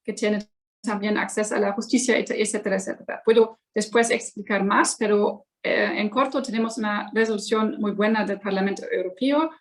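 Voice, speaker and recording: German lady with german accent on a webinar, non-native, halting, hunting for the right word. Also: medium pitch, fairly even intonation, poor audio. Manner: halting, searching for words in non-native speech. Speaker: guest politician, member of parliament. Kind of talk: webinar panel answer.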